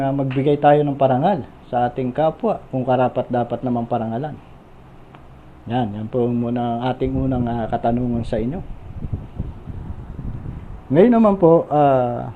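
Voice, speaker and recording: A man preaching a conversational sermon, often pausing with fillers and checking in with his listeners. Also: mid-range voice, phone-quality sound, slight background noise. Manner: conversational, frequent "no?" and filler pauses.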